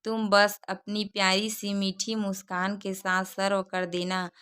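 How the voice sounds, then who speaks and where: A woman voicing a gentle, loving mother-in-law. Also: medium pitch, flat delivery, a little slow, clear, resonant tone, natural voice. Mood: affectionate. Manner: gentle, sweet-toned. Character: kind, affectionate middle-aged mother-in-law.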